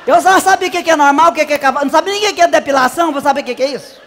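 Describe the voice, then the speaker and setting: Playing a brash, naive country woman from the interior, a male comedian rattles off a gossipy comic story in a very high, rapid-fire voice with vocal fry. He's chatty and exaggerated, letting out squealing cries. There's a long reverb tail and a noisy background.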